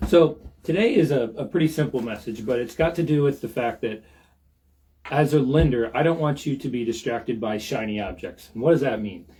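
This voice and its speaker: A man's voice: medium pitch, expressive, brisk, dark tone. A man with an American accent co-hosting a show as a lender, giving conversational, folksy advice to viewers. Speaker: show co-host and mortgage lender.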